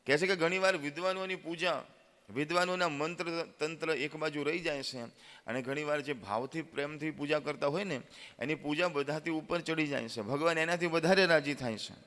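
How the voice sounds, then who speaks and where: A man telling a devotional story in a sermon, with animated narration and acted quotes. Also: on the high side, brisk, in a large hall. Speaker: religious storyteller.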